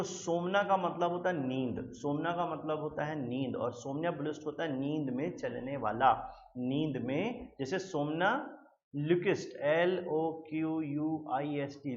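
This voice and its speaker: A man teaching English vocabulary, mixing Hindi and English, explaining each word with everyday examples and repeating it back to the listener. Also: fairly high pitch. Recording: roomy, slightly dull lo-fi sound.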